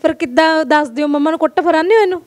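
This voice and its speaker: A woman with a Punjabi accent interviewing a family, asking quick teasing questions to a child. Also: high voice.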